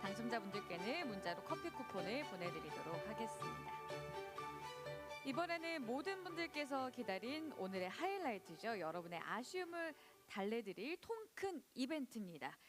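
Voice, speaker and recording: A woman's voice: fairly high pitch, big pitch swings. A woman hosting a live event in a scripted, announcer-like style, presenting like a prize draw host. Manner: announcer-like, drawn-out suspenseful prize reveals. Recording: loud music under the voice. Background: loud music.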